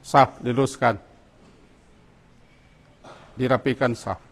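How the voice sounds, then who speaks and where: A man's voice: mid-range voice, steady tone, slow. A man, teaching students how to pray in a mosque, giving short commands and coaxing them along. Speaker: religious teacher. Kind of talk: hands-on prayer lesson for students. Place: mosque prayer hall. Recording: long mosque hall reverb.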